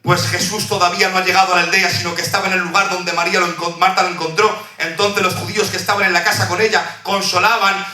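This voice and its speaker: A man preaching a sermon in a church, swinging loud shouting to hushed, fervent delivery. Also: high-pitched, reverberant, far from the mic. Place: church hall.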